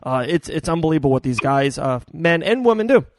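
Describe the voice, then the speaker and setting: A man's voice: on the high side, expressive, brisk, a little mellow, slight background noise. A man hosting a podcast in casual sports talk, speaking emphatically and repeating words for stress. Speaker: podcast host.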